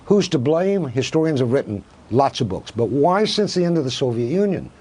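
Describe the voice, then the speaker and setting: Husky, emphatic professor, lively pitch. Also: male voice, fairly quick. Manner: emphatic, argumentative, asks rhetorical questions. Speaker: professor of Russian studies, guest. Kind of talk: televised news interview.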